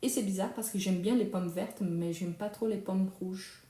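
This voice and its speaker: A young woman, a native Brazilian Portuguese speaker, teaches a live French lesson, going slowly and repeating phrases for learners. Her medium-pitched voice is mellow and fairly even in intonation, and the recording sounds reverberant.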